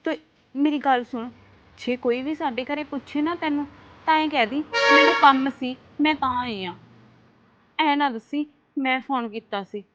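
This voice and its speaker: A woman's voice: sits high, normal speed, a bit bright, muffled recording, slight background noise. A panicky tearful young woman. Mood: pleading. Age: young adult. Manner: pleading, crying. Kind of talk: film acting.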